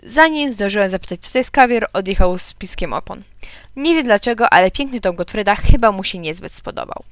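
A woman reading a children's storybook aloud in a lively way, narrating as a small boy. Her voice is smooth and resonant, and the recording is dry and close, with no room sound. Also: medium pitch, fairly quick, dry recording. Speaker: audiobook reader. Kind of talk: children's audiobook narration, told as a young boy.

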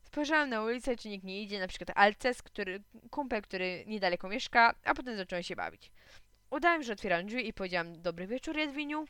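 A woman reads a children's story aloud with lively expression. Her voice is bright and crisp, and the recording is close and dry. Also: mid-range voice, brisk, no echo. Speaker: reader.

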